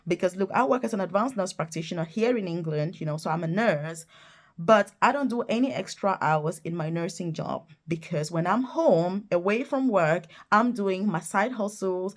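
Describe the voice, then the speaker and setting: A woman hosting an online video, speaking to viewers in a promotional vlog style with an upbeat, recruiter-like sales pitch that leans on key words. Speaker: online video host promoting remote jobs. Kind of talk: promotional direct-to-camera vlog.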